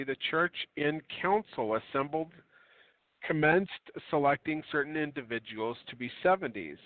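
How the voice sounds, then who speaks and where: A man reading a religious book aloud with digressive asides, often clearing his throat and correcting himself. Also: mid-range voice, no room sound. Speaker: religious radio reader and commentator. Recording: dry tinny phone-line audio.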